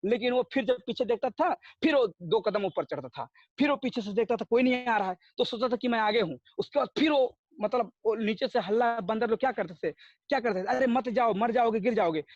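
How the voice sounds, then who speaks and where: Speaking a little fast in a very high voice, a man motivates a network marketing audience through storytelling, acted-out dialogues, and rhetorical questions. There's no echo, and the audio is dull.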